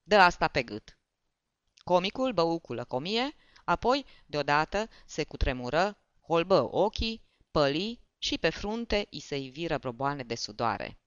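An audiobook narrator reading a story aloud in an expressive way. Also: medium pitch, smooth, no room sound. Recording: dull, dry.

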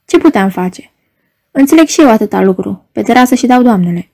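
A flustered doorman, pleading and apologizing to his boss, as a woman puts him on. The voice is high and mellow, eager to excuse himself. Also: animated. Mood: apologetic. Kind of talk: audiobook character reading.

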